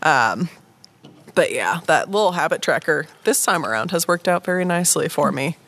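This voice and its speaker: A woman's voice: low-pitched, expressive, moderate pace, a bit bright. A woman co-hosting a podcast, chatting casually and rambling with lots of fillers. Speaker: podcast co-host. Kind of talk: casual chat.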